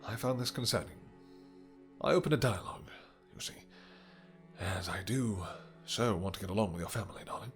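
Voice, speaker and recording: A man playing a possessive, doting vampire king in a romantic fantasy roleplay, speaking in courtly, old-fashioned phrases with hesitant pauses and endearments. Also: fairly low pitch, faint music behind, lightly acted. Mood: menacing, wounded. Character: doting, possessive, vengeful male vampire king with horns and wings.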